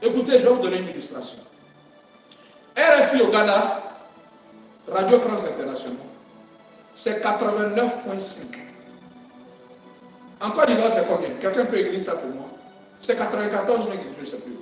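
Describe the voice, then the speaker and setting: A man preaching with fervour, his voice sitting very high and swinging from shouts down to near-quiet as he calls for responses. It is caught from a distance in a long, echoing hall. Soft music plays behind. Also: sing-song, moderate pace, pauses often. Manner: call-and-response with congregation. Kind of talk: sermon. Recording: echoey hall from far off, music.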